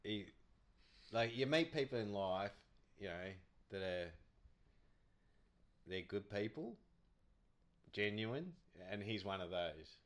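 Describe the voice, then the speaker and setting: A man's voice: fairly low pitch, lively intonation, slow pace, long pauses. A middle-aged Australian man telling anecdotes in a casual chat, with a laid-back, blokey tradesman way of talking and plenty of quoted dialogue. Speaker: amateur club cricketer being interviewed.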